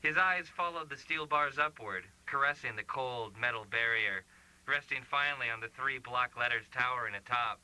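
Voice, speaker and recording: A man giving dramatic, wry scripted narration for an animated short. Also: medium pitch, normal speed, low-quality recording. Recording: hissy VHS tape rip.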